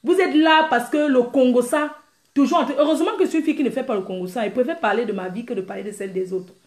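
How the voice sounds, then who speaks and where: Brash, teasing female stream host with a high voice, recorded in an echoey room. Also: fast talker. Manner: brash, teasing, laughs often; animated, mimics crying sounds. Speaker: live-stream host answering viewers. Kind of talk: casual live-stream chat.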